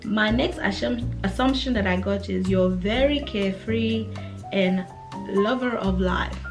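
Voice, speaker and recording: An African vlogger in her twenties chats to the camera at a measured pace in a medium-pitched voice. She sounds relaxed and often uses fillers and restarts, with background music playing.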